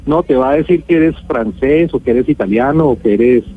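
A Colombian-accented man appears as an expert guest on radio, explaining emphatically and drawing on everyday examples. His mid-range voice has a breathy edge at normal speed, coming through a narrow phone-like line with music.

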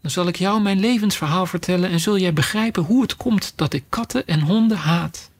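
A small, touchy mouse, as a man puts him on, shrill and indignant. The voice is raised high and has a gravelly rasp, like a storybook character read aloud. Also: brisk. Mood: trembling. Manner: shrill, agitated.

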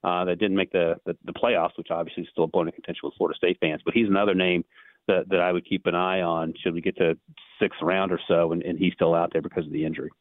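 Man, draft analyst on a phone call, very low voice, rapid delivery, repeats words while restarting, thin phone-line sound. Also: little pitch movement, no echo. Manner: fast, rambling, repeats words when restarting. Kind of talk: sports radio analysis over the phone.

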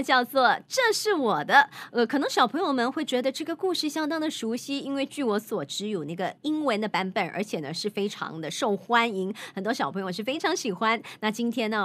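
A woman's voice: sits high, pushed and bright. A woman reading a picture book to children, playful and full of questions. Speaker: children's storyteller host.

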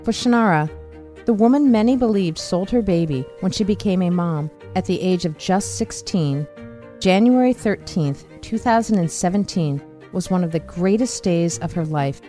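A woman investigative reporter narrating a podcast in a measured, earnest scripted read. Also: on the low side, expressive, dark tone, soft background music.

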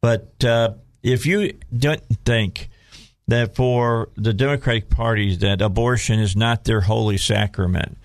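A man's voice: lowish voice, steady tone, a little slow, no echo, studio quality. A man with a Southern US accent hosting a casual talk radio show in a folksy way, often repeating phrases as he goes.

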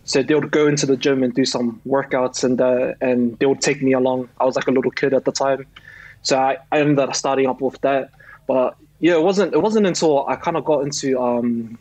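A man's voice: mid-range voice, brisk, no room sound, low-quality recording. Young man from New Zealand, dry sound. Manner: relaxed, many fillers and likes. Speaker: guest rugby league player. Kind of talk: casual interview chat.

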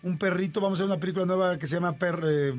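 A man's voice: high voice, racing, highs cut off. A man with a Mexican Spanish accent, a radio host and voice actor, telling a story in casual chat and acting out the dialogue. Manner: animated, acts out dialogue with shifting voices.

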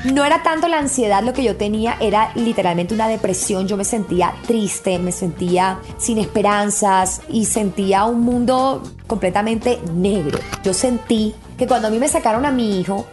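A woman's voice: medium pitch, normal speed, few pauses. Give me a woman podcast host telling her own story candidly, with faint music behind. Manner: candid and emotional, lively storytelling. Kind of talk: personal storytelling.

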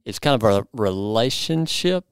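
A man's voice: lowish voice, expressive, measured pace, clear, resonant tone, dry recording, studio quality. A man in his forties hosting a podcast, explaining in an upbeat, playful way and interviewing a guest. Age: 40s. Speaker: podcast host.

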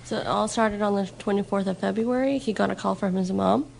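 A woman's voice: medium pitch, fairly quick, gravelly, darkish tone, a little hiss or hum. A woman working as a live interpreter, translating a man's words into English in loose, casual phrasing full of "like" and "um.". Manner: loose conversational phrasing with frequent "like" and "um".

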